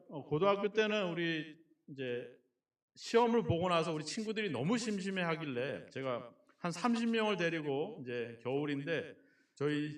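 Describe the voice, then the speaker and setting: Male pastor, middle-aged, folksy joking sermon style, slightly high voice, picked up far off in a roomy sanctuary. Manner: folksy, joking storyteller who asks the congregation questions. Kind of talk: sermon with personal stories. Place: church sanctuary. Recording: echoey church from a distant mic.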